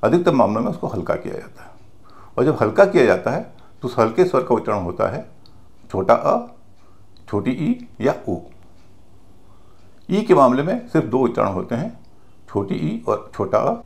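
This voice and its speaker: A male teacher with a creaky, mid-range voice gives a pronunciation lesson, spelling out words letter by letter. He speaks slowly and deliberately, his pitch swinging widely.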